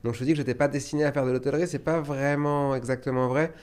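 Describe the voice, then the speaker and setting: Here the Tunisian-born, French-raised hotelier speaks fast in a smooth, slightly mellow mid-range voice with a steady tone. As an interview guest on a podcast, he recounts stories emphatically and conversationally.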